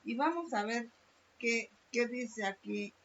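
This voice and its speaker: A woman leading a small home Bible study, reading scripture slowly and questioning the group with rising emphasis. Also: on the high side, a bit bright. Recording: dull lo-fi recording with faint hiss.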